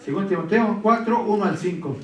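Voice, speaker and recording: A man's voice: high voice, animated, a little fast. A man preaching a Sunday sermon, pleading with his listeners and tagging his points with a questioning "right?". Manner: repeats "¿verdad?" often, pleading and exhorting. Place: church hall. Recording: echoey church from far off.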